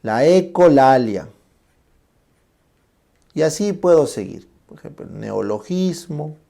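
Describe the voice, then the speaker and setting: A man lecturing to a class in a gravelly voice, spelling out terms one by one and pausing to ask whether the room is following. His tone is dark and mellow, never sharp. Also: fairly high pitch, expressive. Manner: checks in often with tag questions; explains terms slowly, then shows them aloud. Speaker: medical lecturer.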